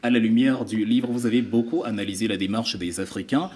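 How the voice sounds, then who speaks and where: A man speaks in a somewhat low, breathy, slightly raspy voice as a guest on a panel debate. He builds his argument steadily, stopping at times to grope for the right word before pressing on. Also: darkish tone. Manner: argumentative, pauses to search for words.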